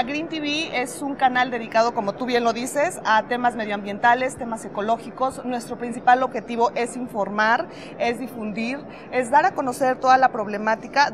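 A woman's voice: fairly high pitch, moderate pace. A woman with a Mexican Spanish accent, a channel representative giving an upbeat promotional interview on a handheld mic. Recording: crowd clearly audible behind.

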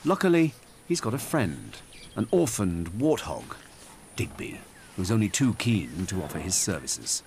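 A man giving scripted narration for a wildlife documentary, measured and gently explanatory, recorded as a studio voice-over. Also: low voice, sing-song, vocal fry, noisy background. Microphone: close studio mic. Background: music under the narration.

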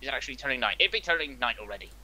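A man's voice: medium pitch, animated, rapid-fire, a crowd in the background. A British man with an English accent chatting while gaming, swearing a lot and slipping into pirate talk. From Britain. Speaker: gamer. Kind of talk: casual gaming chat with put-on pirate talk. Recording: loud music over the voice.

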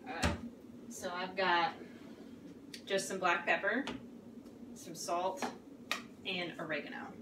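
A chatty woman in her thirties talks through a recipe with plenty of fillers. She is picked up from across an echoey home kitchen, with noise behind her. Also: fairly low pitch. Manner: chatty, instructive, lots of fillers. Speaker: cooking guide, co-host. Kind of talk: casual cooking show banter. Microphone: camera across the room. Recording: echoey kitchen from far off, noisy.

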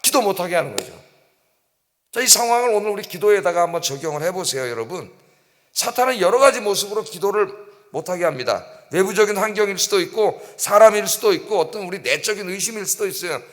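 A middle-aged man preaches an early-morning sermon with a fairly high voice. His delivery is emphatic, with frequent prompts to the congregation. The sanctuary gives his voice a long, ringing reverb. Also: lively intonation, fast talker. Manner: emphatic, keeps prompting the congregation, acts out quoted cries. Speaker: pastor. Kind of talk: dawn service sermon. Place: church sanctuary.

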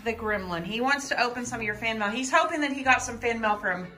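A woman in her thirties hosting a casual family vlog, talking in an upbeat, excitable way and coaxing her kids and the viewers along. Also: on the high side, quick pace. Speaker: parent and channel host. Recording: clear background music under the talk.

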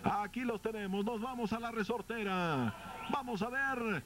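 A man with a Mexican accent giving excited, colorful play-by-play commentary on a wrestling match. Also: sits high, unhurried, background noise. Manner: colorful, dramatic calls.

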